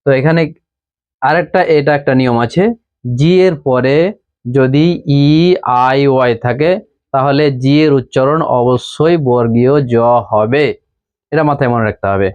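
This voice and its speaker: A man with a Bengali accent giving an English pronunciation lesson, slowly repeating each rule and example. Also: medium pitch, darkish tone, highs cut off. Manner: slow, patient, repeats rules and examples. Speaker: English teacher.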